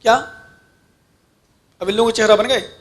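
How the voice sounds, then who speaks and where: Monk preacher, male, very high voice, fervent prayerful sermon delivery, direct questions to the congregation. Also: fairly even intonation, normal speed. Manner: addresses listeners directly with instructions. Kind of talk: devotional sermon.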